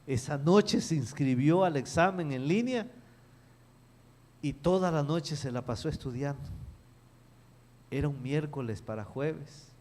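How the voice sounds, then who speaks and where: A middle-aged male pastor delivers a sermon as a story. He speaks slowly in a fairly high voice, with emphatic pauses. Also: expressive, darkish tone. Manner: emphatic storytelling with acted quotes and dramatic pauses.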